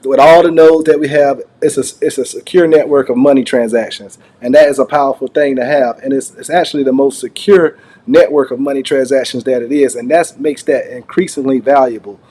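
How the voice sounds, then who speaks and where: A man's voice: medium pitch, fairly even intonation, fairly quick, warm tone. A man hosting his own channel, giving casual unscripted commentary in a rambling, conversational way that circles back over his phrases. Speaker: online channel host reacting to a recorded call.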